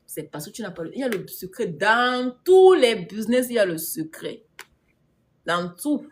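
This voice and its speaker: A woman's voice: on the low side, expressive, moderate pace, a little hiss or hum. A woman business coach talking casually on a live stream, answering viewers' comments. She drives her points home by repeating them, often laughs, and drops English words into her speech. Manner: emphatic and repetitive, laughs often.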